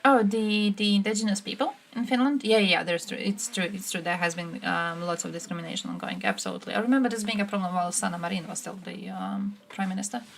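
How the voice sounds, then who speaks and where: A woman's voice: medium pitch, fast talker, creaky, hardly any pauses, slight background noise. A woman from Croatia streaming live, giving blunt, sarcastic political commentary and answering chat, swearing freely.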